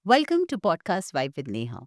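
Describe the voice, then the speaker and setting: A woman hosting a podcast, giving a formal introduction and asking interview questions in a measured way. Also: lowish voice, huge pitch swings, no room sound, studio quality. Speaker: podcast host.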